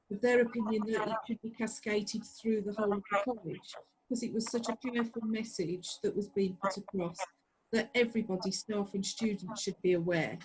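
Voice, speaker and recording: A woman's voice: medium pitch, a little mellow, breathy edge, rough recording. A woman arts educator answering questions on an online panel, hesitant, with many fillers.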